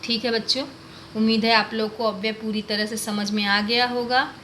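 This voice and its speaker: A woman's voice: a little high, flat delivery, moderate pace, bright, forceful tone, slight background noise. A woman teacher giving a grammar lesson to children, explaining patiently and asking them questions.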